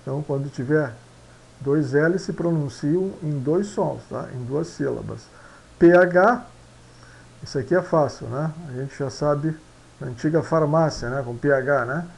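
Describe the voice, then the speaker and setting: Slow, gravelly man teaching. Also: fairly high pitch, darkish tone, rough recording. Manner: slow, repetitive, tag questions after each point; mixes Spanish phrases into Portuguese. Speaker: language teacher. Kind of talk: explaining Latin pronunciation.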